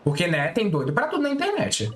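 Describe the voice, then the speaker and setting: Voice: mid-range voice, huge pitch swings, fast talker, a little hiss or hum. Chatty giggly streamer, voice jumping up and down, echoey room, music faint under. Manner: chatty and giggly, lots of little repeats. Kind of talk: casual live-stream chat.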